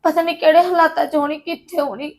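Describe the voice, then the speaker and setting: A woman's voice: high voice, fairly even intonation, quick pace, lightly acted. An actress playing a worried young married woman who pours out her anxieties to her aunt in a Punjabi drama. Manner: anxious, pleading.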